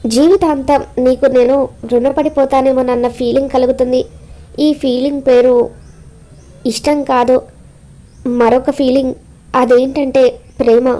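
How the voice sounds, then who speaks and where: A woman's voice: sits high, flat delivery, measured pace, long pauses, warm tone. A woman voicing an insistent young man pressing for an answer of love. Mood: tender. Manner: pleading, insistent.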